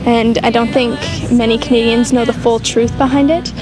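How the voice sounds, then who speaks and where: Woman, thoughtful interview, higher voice, heavy music. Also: level tone, moderate pace, low-quality recording. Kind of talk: recorded interview. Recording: loud music under voice.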